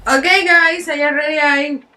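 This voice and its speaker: Giggly drunk high-voiced woman with Spanish accent. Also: fairly even intonation, moderate pace, sharp tone, slight background noise. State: tipsy from shots. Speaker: makeup tutorial host. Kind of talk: casual tipsy makeup tutorial.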